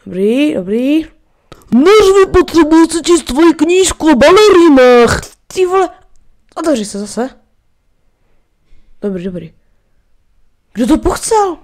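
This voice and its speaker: A woman's voice: high-pitched, big pitch swings, pauses often, a little mellow. A woman doing a foul-mouthed bumbling handyman. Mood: bickering. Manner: crude, swearing, bickering. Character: bumbling crude male handyman neighbor. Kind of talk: comedic fan redub.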